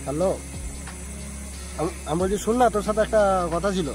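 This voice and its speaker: A man hosts in a casual, chatty way and presses with questions. His voice is high and he talks very quickly. Music runs underneath. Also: a little mellow. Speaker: host making prank calls to friends. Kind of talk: casual chat.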